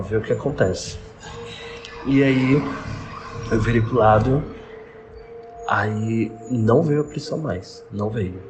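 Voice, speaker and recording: Man telling a strange experience, casual. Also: lowish voice. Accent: Brazilian Portuguese. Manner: conversational, retells dialogue, halting restarts. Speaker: storyteller recounting a personal experience. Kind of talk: casual first-person account. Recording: noisy background ambience.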